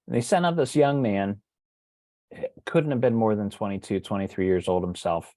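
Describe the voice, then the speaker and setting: A middle-aged man telling a personal story in a relaxed, conversational way, with frequent fillers and restarts. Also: on the low side, moderate pace, dry recording. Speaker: true crime writer and teacher. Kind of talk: casual storytelling lecture.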